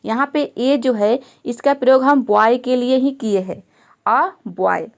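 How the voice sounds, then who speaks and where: A woman's voice: on the high side, unhurried, vocal fry. A woman teaching English grammar step by step, patiently asking questions and answering them herself.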